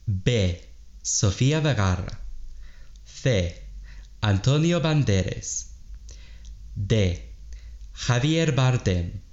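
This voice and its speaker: Brief male co-host and quiz contestant, unhurried and careful, low voice. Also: animated, a little mellow, muffled recording. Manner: answers tentatively, thinks aloud before guessing. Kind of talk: slow, careful quiz chat.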